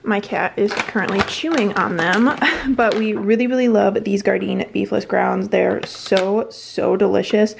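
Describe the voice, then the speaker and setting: A woman's voice: medium pitch, fairly even intonation, measured pace, creaky, noisy background. A young woman in her twenties chatting casually to the camera at home, bubbly and rambling. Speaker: vlogger. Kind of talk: casual chat. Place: home, indoors.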